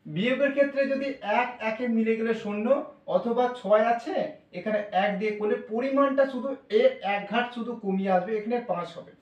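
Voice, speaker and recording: Man teaching maths, Bengali accent, high voice, reassuring and informal, heard from a distance. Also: fairly quick, lo-fi sound. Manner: informal, reassuring, addresses students familiarly, thinks aloud. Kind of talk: classroom lesson. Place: classroom with blackboard. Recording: roomy, voice from a distance.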